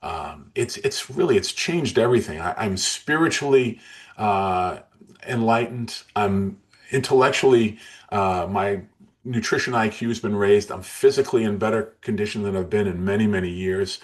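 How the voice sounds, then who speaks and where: Man in his sixties, very low voice, earnest, emotional, restarts often, interview guest. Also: moderate pace. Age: 60s. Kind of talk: interview storytelling.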